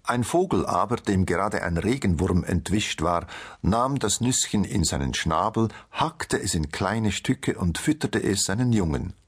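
A man narrating a storybook tale with a low, husky voice. His telling is slow and unhurried, and his pitch rises and falls expressively. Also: expressive. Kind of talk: storybook reading.

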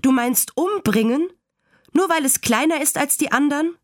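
A woman voicing an eight-year-old farm girl who pleads in a high, agitated voice. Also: expressive, normal speed, no echo, studio quality. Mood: upset pleading.

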